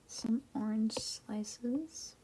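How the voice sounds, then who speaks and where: A young woman whispering softly and offhandedly as she chats while drawing late at night in a quiet house. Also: a little high, very slow, noisy background. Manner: soft whispering, offhand and unbothered. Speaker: vlogger.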